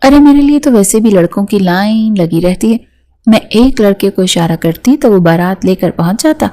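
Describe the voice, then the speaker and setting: A crafty orphan girl in her teens plays the helpless victim, as a woman reads her in a storybook. She pleads and complains slyly. The tone is warm and mellow at a middle pitch. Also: lively intonation, lightly acted. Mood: pleading. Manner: pleading, self-pitying, sly. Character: scheming, dramatic orphan girl, under eighteen.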